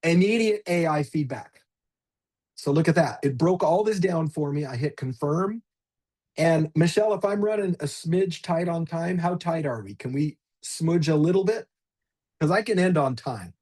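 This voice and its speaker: Husky-voiced upbeat man presenting online. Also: a little high, animated, normal speed, darkish tone. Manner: upbeat, chatty, addresses attendees by name. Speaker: workshop presenter. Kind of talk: live online teacher training demo.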